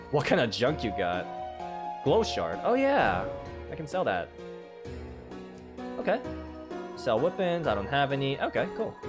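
A young man in his twenties doing casual, reactive let's play commentary, exclaiming often and reading game text aloud. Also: medium pitch. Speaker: gaming let's player. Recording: game music behind voice.

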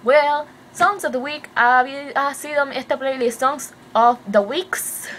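A young woman with a Puerto Rican Spanish accent, chatting fast and excitedly in a casual video update and slipping English words into her Spanish. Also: high-pitched, a little hiss or hum. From Puerto Rico. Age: young adult. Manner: hyper, rapid, mixes English into Spanish. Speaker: vlogger.

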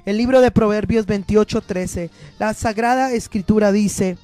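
A pastor preaching a fervent sermon, repeating phrases and rising into a sing-song lilt. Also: male voice, high-pitched, normal speed, dark tone, faint music behind.

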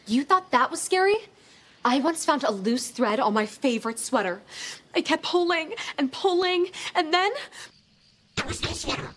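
A woman's voice: high-pitched, animated, normal speed, fairly bright tone, a little hiss or hum. A young American woman playing a dramatic, dim-witted teenage camp counselor in a sitcom, whiny and exaggerated. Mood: dismissive, dramatic. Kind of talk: broad sitcom acting. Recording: music behind, edited TV sitcom clip.

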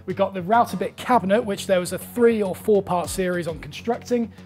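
High-voiced, upbeat young man touring his workshop. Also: darkish tone, soft background music. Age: young adult. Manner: enthusiastic, brisk listing of items. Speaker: woodworking channel host. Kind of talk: workshop tour narration. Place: indoor workshop, small and cluttered.

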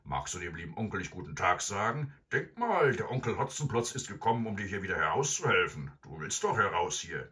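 A man voicing a blustering, gruff male robber who talks loudly and mockingly in a storybook reading. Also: very animated, brisk, hardly any pauses, exaggerated voice. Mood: booming, mocking. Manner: booming, taunting.

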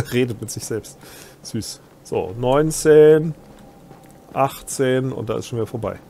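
A man's voice: medium pitch, takes it slowly, creaky, mellow. A middle-aged man giving chatty, amused commentary while playing a video game. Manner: chatty, amused, reads on-screen text aloud. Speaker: let's play host. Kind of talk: gameplay commentary.

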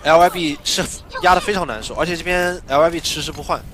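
A man casts a live esports match in a fairly high voice, calling fights quickly and lifting sharply when a big play lands. Loud game music plays clearly behind him throughout the broadcast.

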